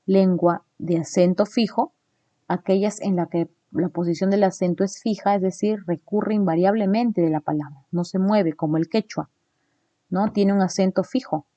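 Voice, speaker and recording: A woman teaches a phonetics lesson in a mellow, warm voice. She tags her points with quick checks to her listeners and sounds out examples slowly. The recording is dry and close, with no room sound. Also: medium pitch, fairly even intonation, no room sound, highs cut off. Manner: explains slides, checks in with "¿no?"; demonstrates sounds slowly and deliberately.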